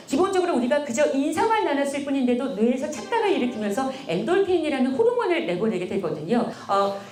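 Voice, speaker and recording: A woman lecturer talks animatedly and playfully, speaking straight to her audience. Her high voice swings widely in pitch. The echo of a large lecture hall carries every word. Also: darkish tone. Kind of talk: motivational lecture.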